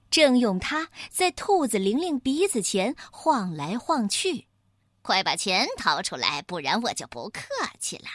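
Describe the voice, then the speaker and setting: A woman narrating a children's storybook in a slow, expressive storytelling manner. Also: high voice, dry recording, clean studio sound.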